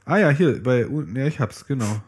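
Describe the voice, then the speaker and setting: A man's voice: medium pitch, expressive, moderate pace, husky. A man co-hosting a casual chat, reading a fairy tale aloud and breaking off with jokey asides. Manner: jokey, interrupts his own reading with asides.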